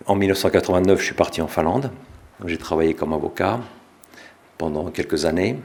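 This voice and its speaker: A middle-aged French man, an author, giving a relaxed public talk with small self-corrections. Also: deep voice, gravelly. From France. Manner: relaxed, self-deprecating, with restarts. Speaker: author and speaker.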